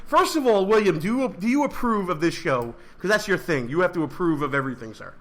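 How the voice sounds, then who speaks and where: A man's voice: high-pitched, expressive, fast talker, fairly bright tone. A man co-hosting a casual talk radio show, joking and teasing his co-host and guests.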